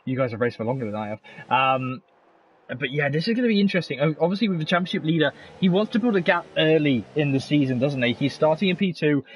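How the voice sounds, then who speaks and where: A man commentating on an online sim race, fast and animated, with chatty asides between calls. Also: medium pitch, slight background noise, poor audio.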